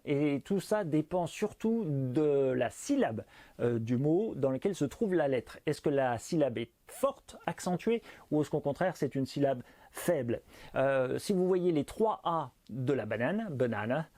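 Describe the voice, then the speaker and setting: A man teaching pronunciation in a video lesson, explaining clearly and emphatically, slowing down to model each sound, with playful asides. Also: fairly high pitch, warm tone. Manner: playful, self-mocking asides.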